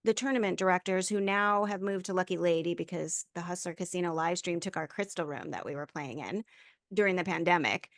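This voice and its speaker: A middle-aged woman hosting a casual podcast, talking about her own poker start in a rambling, relaxed way. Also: lowish voice, a little fast, no echo, studio quality. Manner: rambling, self-interrupting, relaxed. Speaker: podcast host, poker player. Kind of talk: casual interview chat.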